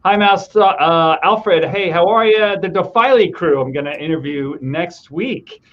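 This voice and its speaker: Relaxed male livestream host, slightly high voice, dull lo-fi sound. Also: unhurried, slight background noise. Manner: easygoing, chatty, brief affirmations. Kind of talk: casual livestream interview, reading viewer comments. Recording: dull lo-fi call audio.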